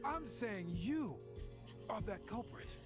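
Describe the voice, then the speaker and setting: A man acts out game dialogue as a corrupt police officer in a cutscene, sneering, mocking and gloating while he sets up a suspect. His high-pitched delivery is expressive and slow, backed by a game music score.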